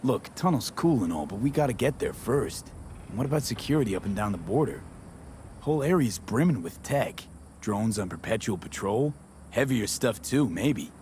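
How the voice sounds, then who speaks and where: Game role: male actor as street-smart merc, lowish voice, clipped and slangy, light engine noise behind. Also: lively intonation, moderate pace, darkish tone, lightly acted. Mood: cocky, questioning. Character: street-smart young male mercenary, cocky and guarded. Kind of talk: video game dialogue.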